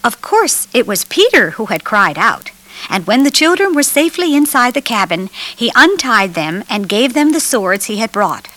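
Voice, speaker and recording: A woman's voice: on the high side, big pitch swings, moderate pace, pushed and bright, no echo. A woman reading a children's storybook aloud as narrator, telling it expressively.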